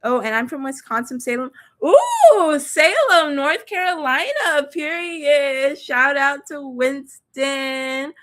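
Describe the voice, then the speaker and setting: A woman's voice: high voice, sing-song, slow pace, hardly any pauses, fairly bright tone. Casual young woman with a hint of Southern accent, chatting to viewers through a phone or laptop mic. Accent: slight Southern. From Texas. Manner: chatty, slangy, addresses viewers directly. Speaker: tarot reader livestreaming. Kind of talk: casual livestream chat.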